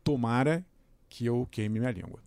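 A man's voice: mid-range voice, expressive, moderate pace, vocal fry, a little mellow, dry recording. A man co-hosting a podcast, giving thoughtful, somewhat hesitant opinions. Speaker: podcast co-host. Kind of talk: casual podcast discussion.

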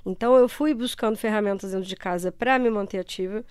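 A woman's voice: medium pitch, fast, a little mellow, clear, resonant tone, dry recording. A Brazilian woman with a carioca accent from Rio, answering conversationally as an interview guest in a reflective, explanatory way. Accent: Brazilian, Rio de Janeiro (carioca). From Ceará, Brazil.

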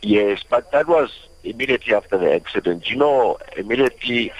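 A young man with a South African accent giving a halting, reflective personal account as a radio interview guest. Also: medium pitch, animated, breathy edge. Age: young adult. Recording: slightly muffled radio audio.

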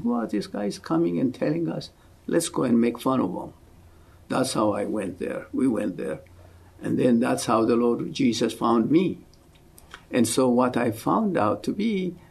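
An Ethiopian man in his seventies, a missionary appearing as an interview guest, gives an earnest and fervent testimony of faith in an Ethiopian accent. His medium-pitched voice is creaky with a breathy edge, and he often drops to a soft hush.

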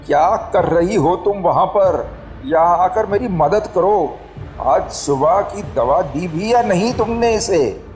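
A man voicing a distraught middle-aged father who shouts in desperation. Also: on the high side, lively intonation, measured pace, slight background noise, pitched above the performer's own voice. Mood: desperate shouting.

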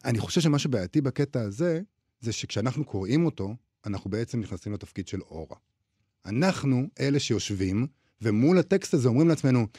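A man hosting a literary show discusses a passage in a measured, reflective way. His voice is mellow and warm. The studio sound is dry and close. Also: mid-range voice, no room sound. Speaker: radio literary show host. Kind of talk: reading aloud and literary discussion.

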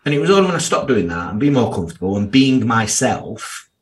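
A man's voice: mid-range voice, sing-song, brisk. A man in his thirties with a strong Yorkshire accent, talking candidly as an interview guest in a blunt, down-to-earth, slangy way. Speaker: podcast guest, financial services professional.

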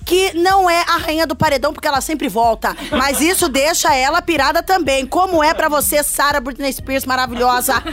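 High-voiced Brazilian woman hosting playfully. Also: fairly quick, hardly any pauses, a bit bright, soft background music. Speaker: host of a mock podcast.

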